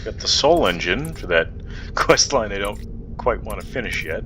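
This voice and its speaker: This gaming channel host sounds expressive at a normal speed, muttering his thoughts aloud in casual, rambling commentary on a video game. He's easily delighted, and a constant loud background rumble makes the recording very noisy.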